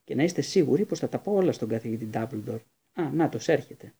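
A man's voice: medium pitch, animated, vocal fry, warm tone, slightly rough. A man voicing a stern older female teacher in an audiobook reading, speaking in a severe, scolding way. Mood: angry scolding.

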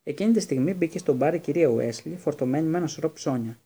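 Husky, mellow male audiobook narrator. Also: fairly high pitch.

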